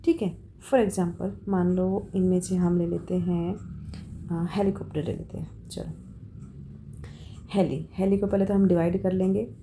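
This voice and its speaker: A woman, tutoring for an exam, who explains slowly in Hindi and reads out English questions, with many fillers. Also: fairly low pitch, steady tone, warm tone, slight background noise. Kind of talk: informal exam-prep lesson.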